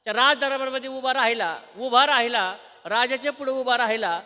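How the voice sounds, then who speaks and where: A man's voice: very high voice, a little fast, pushed and bright, long reverb tail. A man preaching a devotional kirtan sermon, singing verses and telling a story while quizzing his audience. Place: live kirtan gathering.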